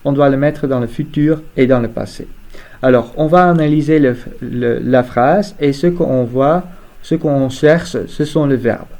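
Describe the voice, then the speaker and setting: A male teacher explains a grammar rule at an unhurried, deliberate pace. His voice is mellow and dark, and he breaks each word down letter by letter in a calm, methodical way. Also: medium pitch. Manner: slow, methodical, spells out letters one by one.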